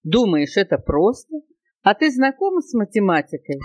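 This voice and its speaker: A woman's voice: medium pitch, big pitch swings, moderate pace, a little mellow, no room sound. A woman voicing a fussy, strict, know-it-all male parrot in a storybook reading, lecturing indignantly and drawing out his words.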